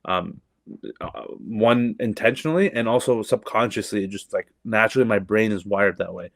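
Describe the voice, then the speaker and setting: Guesting on a podcast, this young comedian from Canada keeps things loose and profane, restarting sentences often and leaning on fillers. He has a fairly low, creaky voice and speaks at a moderate pace, recorded cleanly in a studio with no echo.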